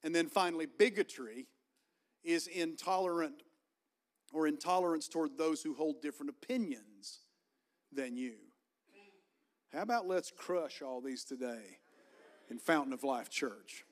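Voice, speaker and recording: A man preaches in a church, his Southern Virginian drawl plain in every phrase. His voice sits a bit higher than most men's. He calls out for amens and builds toward a fervent, rising delivery. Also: measured pace, pauses often. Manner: preaching with call-and-response, rising fervor. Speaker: pastor. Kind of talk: sermon. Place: church sanctuary.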